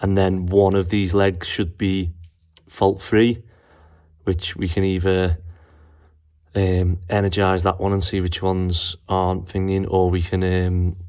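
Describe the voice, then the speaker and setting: Filming himself on a handheld phone, a man talks casually through fixing plumbing and wiring, saying "obviously" often as he goes. His voice is low-pitched with a darkish tone, recorded without room sound.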